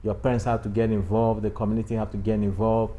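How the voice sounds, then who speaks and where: A man's voice: fairly low pitch, little pitch movement, fast, mellow. Emphatic male studio talk host. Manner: emphatic, repeats key phrases, urges viewers to subscribe. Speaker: channel host. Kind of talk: conversational spiritual talk show.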